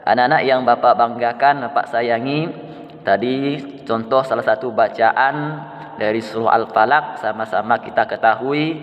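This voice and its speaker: A male teacher with an Indonesian accent, explaining Quran recitation to children slowly and carefully, repeating letter sounds. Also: medium pitch, fairly even intonation. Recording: long reverb, dull sound, faint music.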